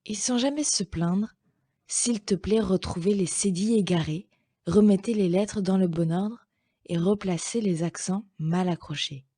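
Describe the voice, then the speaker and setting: A woman reading a children's story aloud slowly and gently, with clear pacing. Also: mid-range voice, no echo, studio quality.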